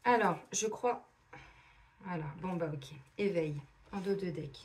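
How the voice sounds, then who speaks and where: A middle-aged woman doing a casual oracle card reading, chatty and animated, acting out little imagined dialogues. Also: fairly low pitch, a little slow, slight background noise. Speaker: tarot and oracle card reader.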